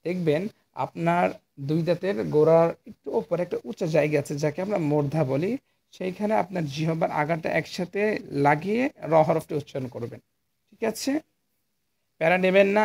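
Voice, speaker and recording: A man's voice: a little high, moderate pace, vocal fry, darkish tone. A man with a Bangladeshi Bengali accent teaching Quran letter pronunciation, patiently stretching out each sound and explaining where the tongue goes. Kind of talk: slow pronunciation lesson.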